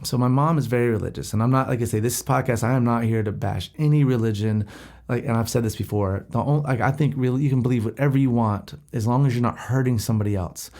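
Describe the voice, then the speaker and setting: A man's voice: medium pitch, mellow. A man hosting a podcast, talking alone in a loose, rambling way with frequent restarts. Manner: rambling and conversational, with many restarts and laughs. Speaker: podcast host. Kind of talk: casual solo monologue.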